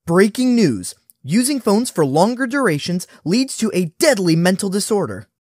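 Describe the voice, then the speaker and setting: Woman doing a deadpan cartoon news announcer. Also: mid-range voice, normal speed, breathy edge, no echo, clean studio sound. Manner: formal announcing.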